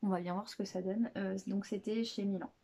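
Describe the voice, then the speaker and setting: A woman presenting books in a casual vlog chat, hesitant and chatty, with many filler pauses and restarts. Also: medium pitch, fairly even intonation, mellow. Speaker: book vlogger.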